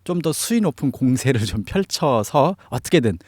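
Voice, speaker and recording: A man's voice: mid-range voice, big pitch swings, moderate pace, darkish tone, no echo, studio quality. A man giving explanatory analysis as a political commentator in an interview, stressing key phrases. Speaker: news commentator on North Korea affairs.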